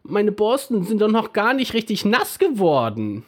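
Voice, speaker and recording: A man voicing a whiny, demanding little toothbrush in a children's storybook reading, high and squeaky. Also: wildly swooping pitch, normal speed.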